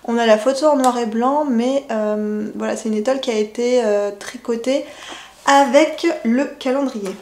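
A woman's voice: a little high, normal speed, a little mellow, reverberant. A woman casually chatting through a knitting unboxing, hesitant with many fillers and restarts. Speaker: knitting vlogger.

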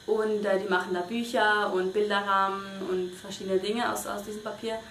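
A woman's voice: medium pitch, level tone, normal speed, fairly bright tone. Hesitant young woman, echoey room. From Switzerland. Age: young adult. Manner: hesitant, many fillers and restarts. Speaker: volunteer interviewee. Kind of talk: casual interview answers. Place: small bedroom indoors. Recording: echoey room with faint noise.

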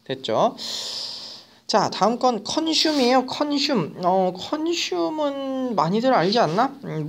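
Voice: mid-range voice, a little hiss or hum. A teacher giving an online vocabulary lecture who mixes casual and polite speech and keeps checking in with students.

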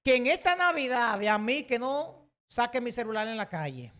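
A man's voice: very high voice, sing-song, moderate pace, fairly bright tone. A man with a Dominican accent giving heated, emphatic opinion commentary, often repeating himself. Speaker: online commentator.

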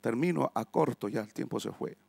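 A male pastor preaching a sermon at a family retreat, emphatic, swinging between loud cries and hushed asides. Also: medium pitch, lively intonation, brisk, vocal fry, breathy edge, no room sound. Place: church family retreat hall.

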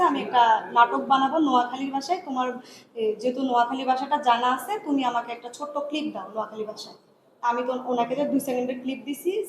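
An upset young woman with a high voice tells her story in a rush, breaking off and starting again. She is recorded in a roomy, echoing space. A faint hiss sits under her words. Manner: agitated, rapid retelling with self-corrections. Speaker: actress. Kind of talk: complaint in a news interview.

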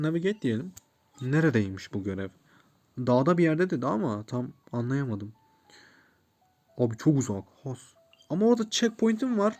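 A man commenting on his own gameplay in an excitable, chatty way, talking back to the game and tossing in English gaming words. His voice sits fairly high and swings widely in pitch. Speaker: gamer. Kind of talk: let's play commentary.

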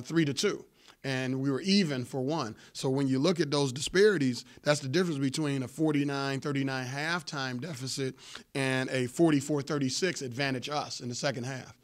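A man in his forties, a head coach answering postgame press questions in a measured, explanatory way with frequent fillers, seated at a table microphone in a press room. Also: medium pitch. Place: press room before a sponsor backdrop. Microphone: table microphone in front of him.

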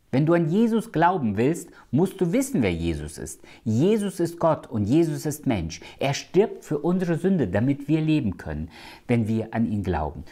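A man preaching a sermon. He speaks with emphasis, slows down to quote scripture and sometimes drops to a hushed tone. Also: mid-range voice.

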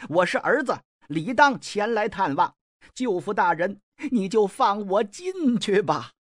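A man voicing a desperate young nobleman who begs slowly and tearfully to see his dying father. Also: sits high, big pitch swings, no echo, clean studio sound, exaggerated voice. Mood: pleading. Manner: pleading, drawn-out, tearful. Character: desperate pleading young nobleman, eldest son.

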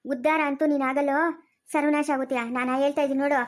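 A performer playing a stern elder brother in a village family drama, shouting curses and threats. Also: sits high, little pitch movement, rapid-fire, natural voice. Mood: enraged.

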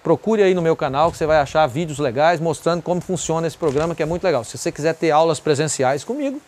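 Casting: Brazilian man, high voice, chatty teacher who drills words by repeating them. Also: expressive, quick pace, a little mellow. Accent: Brazilian Portuguese. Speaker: English teacher. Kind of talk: casual video lesson. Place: outdoors at a country property, breezy.

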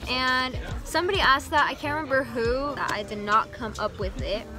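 A woman's voice: high voice, moderate pace, over music. A young woman hosting a vlog in casual chat, talking into a phone at arm's length outside a cafe. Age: young adult. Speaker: vlog host.

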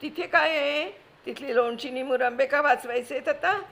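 A woman voicing a bossy middle-aged wife who scolds and commands her husband in a sharp manner, read from a storybook. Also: high-pitched, normal speed, pitched above the performer's own voice. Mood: scolding. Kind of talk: storybook reading.

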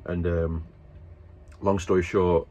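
A man's voice: low-pitched, flat delivery, takes it slowly, mellow. A man casually telling a family story to camera, rambling and stop-start, breaking into laughter. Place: at work after dinner.

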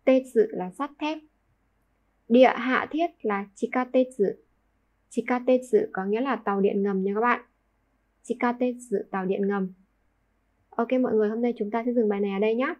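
A woman's voice: fairly high pitch, a little fast, darkish tone. A young woman teaching a kanji lesson, patiently repeating each word and asking the class to confirm. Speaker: Japanese teacher.

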